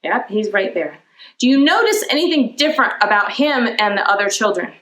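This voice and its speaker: On a low-quality recording, a woman reads to young viewers in a mid-range voice that is expressive, bright and forceful, moving a little fast. She explains the story simply and keeps asking the children questions.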